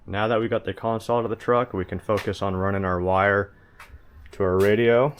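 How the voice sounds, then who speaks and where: With a lowish voice and a brisk pace, the man hosting this truck install video explains each step while moving in and around the pickup. He keeps it casual, hands-on and straightforward, and steady noise hums in the background.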